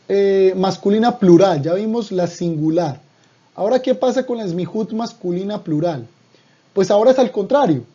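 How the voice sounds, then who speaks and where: Man, high voice, husky, patient grammar teacher, repeats examples, dull lo-fi sound. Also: mellow. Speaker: Hebrew teacher. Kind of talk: explaining grammar to the viewer.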